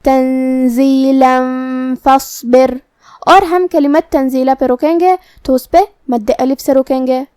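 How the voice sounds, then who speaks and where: Lady with a high voice walking through recitation rules one letter at a time, dry close sound. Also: a little mellow, dry recording. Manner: methodical, explains each letter and rule in turn; slow, drawn-out recitation when demonstrating verses. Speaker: Quran recitation teacher. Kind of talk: step-by-step pronunciation lesson.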